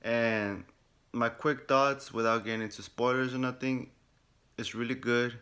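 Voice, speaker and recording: A male gaming vlogger talks through his first hours of a game from his room at home. His voice sits in a middling pitch, and he tells the story in an animated, swear-heavy way, acting out the reactions as he goes. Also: unhurried. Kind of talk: casual game first-impressions recap.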